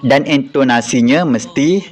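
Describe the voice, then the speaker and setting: A man with a Malaysian Malay accent teaching an online class, reading example sentences aloud slowly and patiently. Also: mid-range voice, a little mellow, soft background music. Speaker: religious school teacher.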